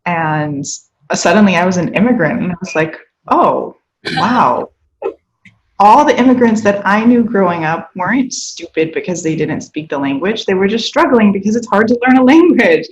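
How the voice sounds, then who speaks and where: A woman, an email copywriter on an online panel, speaking in an earnest, expressive way. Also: medium pitch, normal speed, slight background noise, poor audio. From United States.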